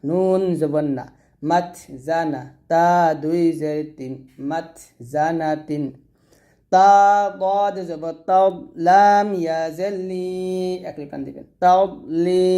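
A male teacher drills pronunciation at a very slow pace, sounding out each letter and vowel. His voice sits slightly high for a man, with a dark, mellow tone. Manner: slow, syllable-by-syllable drilling with brief asides. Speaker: Quran recitation teacher. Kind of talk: spelling-out pronunciation lesson.

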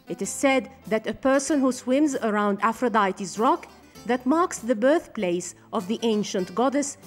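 A woman reads documentary narration in a steady, formal manner. Her voice is on the high side, with soft music faintly underneath. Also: a little slow.

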